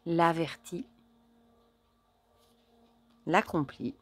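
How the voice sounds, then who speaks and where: Chatty woman with a lowish voice. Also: extremely slow, husky. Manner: chatty and admiring, with soft murmured asides. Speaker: card reader and oracle deck reviewer. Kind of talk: casual unboxing chat to viewers.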